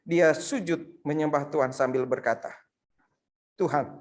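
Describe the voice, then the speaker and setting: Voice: medium pitch, moderate pace, darkish tone. A preacher delivering a sermon over a video call, retelling a story with emphatic repetition.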